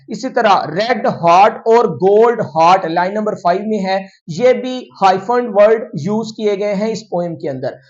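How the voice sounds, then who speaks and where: A male English teacher going through a poem line by line, explaining each example in a steady, methodical way and slowing down for definitions. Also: high voice, muffled recording. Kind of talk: line-by-line poem analysis lesson.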